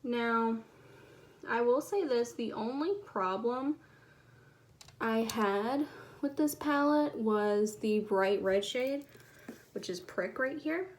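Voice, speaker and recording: A soft, quiet-spoken woman chatting casually through a makeup tutorial, recorded on a phone. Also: fairly high pitch, slow pace, long pauses, a little hiss or hum. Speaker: beauty vlogger.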